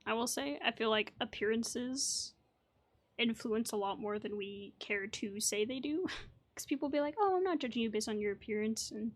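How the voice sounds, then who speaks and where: Hosting a gaming video, a woman with a fairly high voice talks at normal speed. Her playthrough commentary is casual and chatty, musing aloud and drifting off on tangents.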